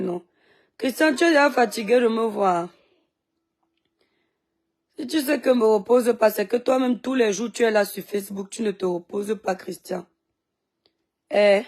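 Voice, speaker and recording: A woman's voice: a little high, a little mellow. A woman from Cameroon chatting on a phone live stream, greeting viewers by name and talking back at critics, with a sore throat.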